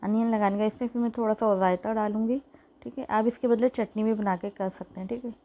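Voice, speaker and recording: A woman with a mellow, darker voice talks through a cooking lesson in her home kitchen, recorded on a phone. Her throat is sore. She keeps up a chatty tone, often checking in with "theek hai.". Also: medium pitch, steady tone, fast talker. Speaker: cooking channel host. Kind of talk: casual cooking tutorial.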